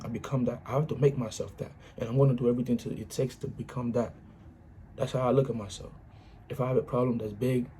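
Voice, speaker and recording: A man's voice: mid-range voice, dark tone, slight background noise. Earnest man giving a casual pep talk. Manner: earnest, repetitive, punctuates with "you know what I'm saying"; informal grammar, restarts. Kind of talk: casual motivational monologue.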